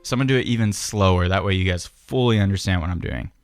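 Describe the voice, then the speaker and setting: A man's voice: low voice, quick pace. A man giving a casual, patient step-by-step piano tutorial, often opening sentences with "so". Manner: relaxed, patient, starts many sentences with "so". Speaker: piano and beatbox teacher. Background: piano playing.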